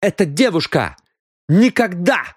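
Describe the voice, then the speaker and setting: A man's voice: high voice, sing-song, unhurried, slightly rough, no room sound, studio quality, voice pushed up, heavily acted. A man voicing a fierce, proud young woman who speaks sharply and defiantly.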